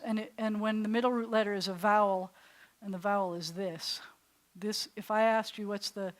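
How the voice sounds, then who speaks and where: In a classroom or congregation hall, a woman rabbi leads beginners through Hebrew in a relaxed, talkative style. She speaks at a medium pitch, frequently starts her sentences over, and sounds out words slowly.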